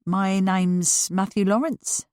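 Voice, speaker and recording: A woman reading the part of a polite middle-aged father who speaks slowly and calmly, hesitating with ums. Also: medium pitch, no echo, clean studio sound, lightly acted. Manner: slow, calm, hesitant with ums.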